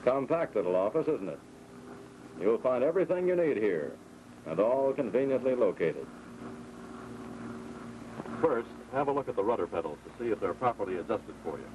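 Cast as a flight instructor in a 1940s training film, an American man with a medium-pitched, slightly mellow voice speaks at normal speed, very animated and pausing often. His scripted instruction is clear and proceeds orderly, step by step, over a muffled, noisy period soundtrack.

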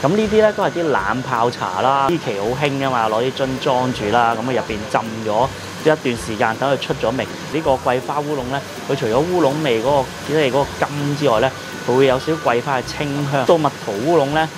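Narrating a casual food review vlog, a middle-aged Hong Kong Cantonese-accented man chats and explains, using frequent sentence particles. He talks quickly at a medium pitch with hardly any pauses, and there is background noise.

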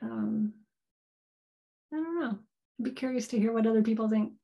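This woman in her thirties is a board game designer giving a keynote, fielding live Q&A over a webcam on a video call from her home office. She's thoughtful and hedging and often restarts her sentences. Her voice is on the high side and gravelly, at a normal speed, with the highs cut off.

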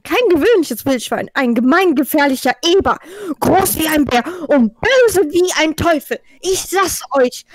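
High woman over a clipping, distorted mic. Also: no echo. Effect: clipping, distorted overloaded mic. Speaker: co-player in a let's play. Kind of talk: reading game dialogue aloud. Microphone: home gaming mic close to the mouth.

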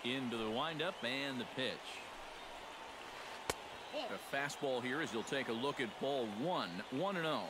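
A man playing a steady, polished play-by-play baseball announcer in a sports video game. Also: mid-range voice, heavy background noise, close to an everyday voice. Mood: steady, engaged. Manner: polished, measured broadcast delivery. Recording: loud stadium ambience behind the voice.

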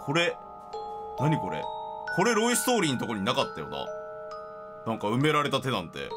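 A man giving excitable, jokey gameplay commentary as a streamer. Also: medium pitch, a little fast, music in the background. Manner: excitable, laughing, jokey reactions. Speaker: game streamer.

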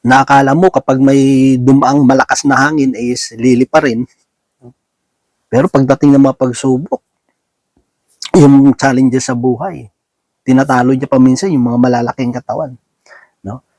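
A man's voice: medium pitch, fairly even intonation, normal speed, pauses often, a little mellow, no echo. A man giving a conversational sermon, often asking his listeners tag questions, mixing English words into his Filipino, and chuckling between points. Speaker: lay preacher.

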